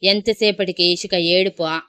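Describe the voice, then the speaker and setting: A woman storyteller reading a romance audio story in a steady, even, smooth voice. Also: medium pitch, normal speed. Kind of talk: scripted story narration.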